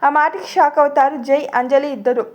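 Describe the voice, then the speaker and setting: A woman storyteller narrating a family drama story in a lively, dramatic way. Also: high-pitched, fairly quick.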